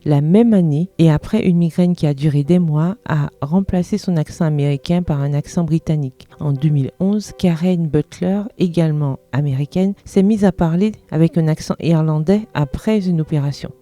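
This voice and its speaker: Woman, very mellow dark tone, earnest devotional reading. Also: lowish voice. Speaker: devotional reader. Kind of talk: read devotional meditation.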